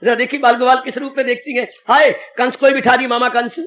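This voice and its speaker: A man giving an animated devotional sermon as a spiritual teacher, exclaiming and dramatizing as he speaks. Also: very high voice, quick pace, highs cut off. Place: satsang hall. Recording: echoey 1980s hall recording.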